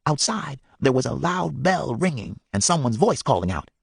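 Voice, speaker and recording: Male audiobook reader, gravelly, husky, dry close sound. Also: mid-range voice, dry recording. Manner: measured, expressive reading. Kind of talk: storybook narration.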